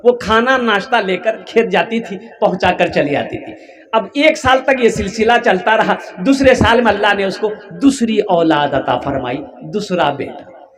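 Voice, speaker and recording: A man's voice: high-pitched, lively intonation, moderate pace, crowd noise. A man from eastern India telling a story in a sermon, emphatic and dramatic with repeated exclamations. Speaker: Islamic preacher.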